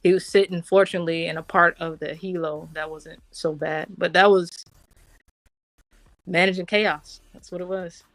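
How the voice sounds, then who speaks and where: A woman's voice: lowish voice, steady tone, moderate pace, a bit bright, dry recording, low-quality recording. A woman, a military officer being interviewed, telling war stories in an informal, slangy way and acting out the dialogue. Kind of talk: animated personal war story told conversationally.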